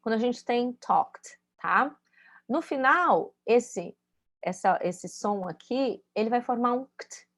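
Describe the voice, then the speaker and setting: A woman's voice: on the high side, animated, slow pace, fairly bright tone. A woman teaching English pronunciation in a casual spoken lesson, speaking, explaining patiently and checking in with her students as she demonstrates sounds.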